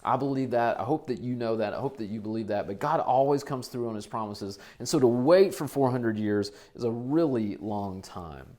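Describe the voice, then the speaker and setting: A man's voice: mid-range voice, moderate pace, hardly any pauses, warm tone. Pastor in his forties preaching. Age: 40s. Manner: conversational, repeats phrases for emphasis. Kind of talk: sermon. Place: church.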